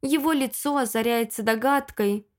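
Higher-voiced woman reading a dramatic audiobook. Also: moderate pace. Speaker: audiobook narrator. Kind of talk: first-person audiobook narration.

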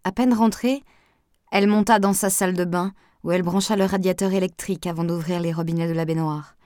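A woman reading a novel aloud in steady, measured audiobook narration. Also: on the low side, no room sound, studio quality. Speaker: audiobook reader.

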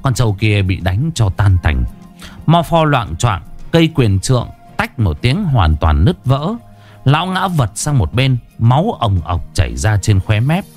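A man's voice: mid-range voice, big pitch swings, measured pace, a little mellow, soft background music. A man narrating a story in a vivid, dramatic way.

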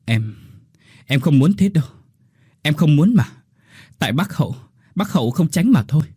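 A man's voice: animated, normal speed, dark tone, breathy edge, no room sound, clean studio sound. A man voicing a grieving, desperate young woman who cries and shrieks her lines in a ghost story. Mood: sobbing. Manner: shrill crying outbursts.

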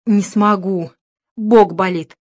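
An excited, tipsy workman hollers up from the bottom of a pit, voiced by a woman reading an audiobook. He shouts loudly and in a raised voice, full of eager insistence. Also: sits high, a little slow. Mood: pained.

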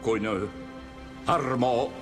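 A man's voice: mid-range voice, over music, close to an everyday voice. A man playing a stern old monster company boss. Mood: lecturing. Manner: formal, lecturing, grave. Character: elderly male monster boss, stern and formal. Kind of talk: animated film dub.

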